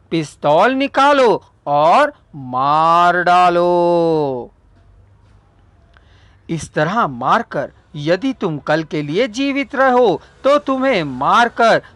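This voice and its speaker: A man's voice: sits high, fairly bright tone, no room sound, exaggerated voice. A man reading the lines of a scheming man who urges someone to use a pistol, in an insistent, persuasive way.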